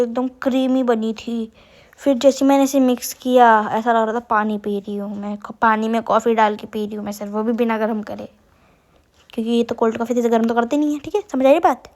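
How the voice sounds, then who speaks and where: A woman's voice: fairly high pitch, steady tone, a little fast, darkish tone. A young woman vlogger with a sore throat, chatting through a self-mocking voice-over about her family day. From Uttarakhand hills, India. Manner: chatty, self-mocking, addresses viewers as guys. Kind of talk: casual voice-over narration.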